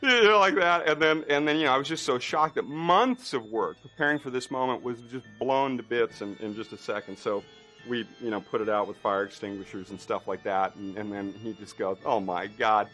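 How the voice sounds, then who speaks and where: Brief: lower-voiced man, effects artist, rambling interview storytelling, faint music underneath. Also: fairly even intonation, brisk, a bit bright. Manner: rambling, many fillers and restarts. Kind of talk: documentary interview anecdote.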